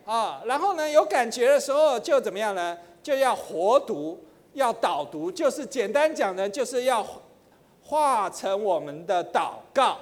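A middle-aged man teaching in church, chatty with many fillers, slowing into chanted prayer. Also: very high voice, animated. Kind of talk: sermon teaching. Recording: long hall reverb.

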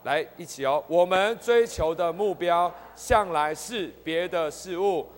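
A man's voice: high-pitched, unhurried, big-room sound. A man leading a church Bible study, earnestly repeating key points and calling the group to read along.

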